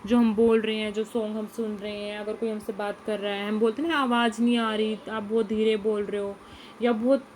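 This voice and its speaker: A woman teacher who explains a lesson to young children, reading each English line slowly and then asking and answering her own questions in Hindi. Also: medium pitch, level tone, darkish tone, a little hiss or hum, low-quality recording.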